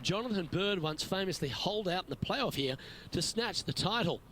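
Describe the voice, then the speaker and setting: An actor playing a measured, informative TV golf commentator in a video game. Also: male voice, high-pitched, animated, a loud crowd, rough recording. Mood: measured, admiring. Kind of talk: scripted sports commentary.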